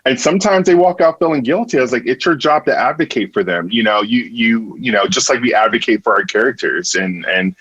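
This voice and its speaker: A man's voice: mid-range voice, animated, fairly quick, few pauses, fairly bright tone, breathy edge, dry recording, highs cut off. A man who works as a theatre director, talking earnestly in a casual conversation and often restarting and repeating words.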